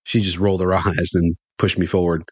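A middle-aged man telling a funny personal story in first person, animated and getting excited when he quotes himself. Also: fairly quick, breathy edge, no room sound. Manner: animated, jumps higher for excited quoted lines.

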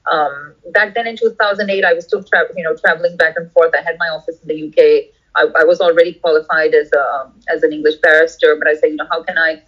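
A woman's voice: low-pitched, steady tone, fast, lo-fi sound. A middle-aged woman from India, answering interview questions over a video call in a digressive way, thinking aloud with many restarts. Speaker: guest lawyer.

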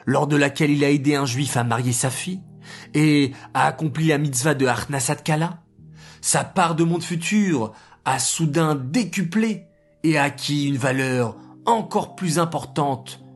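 A storyteller voicing a wise old rabbi who explains slowly and solemnly. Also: medium pitch, slightly rough, faint music behind.

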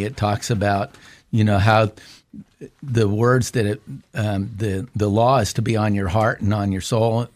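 Low-voiced pastor, dry studio sound. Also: male voice, darkish tone, dry recording. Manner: measured, quotes scripture, halting restarts. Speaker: pastor and co-host. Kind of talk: unscripted podcast discussion.

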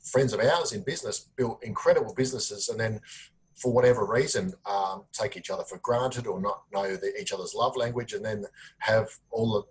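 Man, Australian accent, fairly low voice, earnest, plain-spoken, ums a lot, interview guest. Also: fairly quick, low-quality recording. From South Australia. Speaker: podcast guest. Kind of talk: conversational interview.

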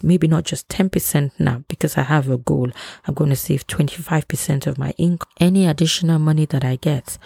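A woman's voice: sits low, creaky, mellow, husky, no room sound, studio quality. A woman in her thirties hosting a podcast, giving earnest advice in a casual reflective monologue. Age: 30s. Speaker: podcast host.

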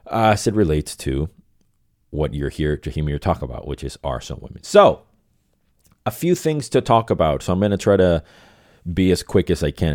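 Middle-aged guy from venezuela rambling through his podcast, real low voice, dry close sound. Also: a little mellow, dry recording. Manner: rambling, self-correcting, repeats phrases. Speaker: podcast host. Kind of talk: casual solo podcast monologue.

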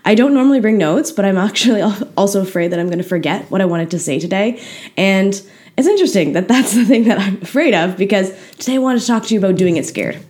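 A woman hosting a motivational podcast, talking casually and candidly with a hoarse voice. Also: medium pitch, lively intonation, quick pace, a little mellow. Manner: candid, chatty, self-deprecating. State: hoarse, unusual voice today. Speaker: podcast host. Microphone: podcast microphone.

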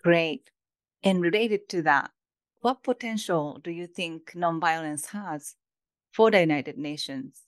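A woman co-hosting an interview podcast, introducing the show in a clear, scripted way and asking questions. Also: on the low side, unhurried. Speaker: co-host.

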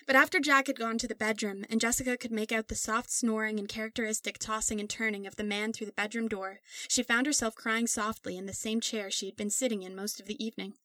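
Bright-voiced woman narrating a story. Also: fairly high pitch, fairly even intonation, fast, few pauses, dry recording.

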